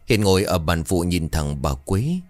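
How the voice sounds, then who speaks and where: A man's voice: low voice, animated, normal speed, darkish tone, no echo, faint music behind. A man narrating a ghost story in a dramatic, suspenseful style.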